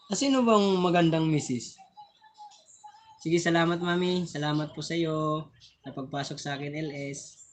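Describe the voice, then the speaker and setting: A man's voice: fairly high pitch, steady tone, moderate pace, long pauses, a little hiss or hum. A man hosting a casual live stream on his phone, chatting and laughing often as he thanks viewers, sometimes tripping over his words.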